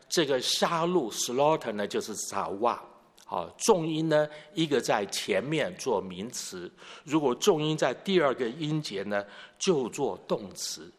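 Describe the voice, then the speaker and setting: Man preaching a sermon in a reverberant hall. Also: medium pitch. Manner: expository, poses rhetorical questions. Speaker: pastor.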